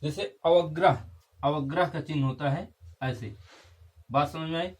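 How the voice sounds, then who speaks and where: A man's voice: fairly high pitch, a little slow. A young man teaching a Hindi grammar lesson, repeating key terms and checking in with his class.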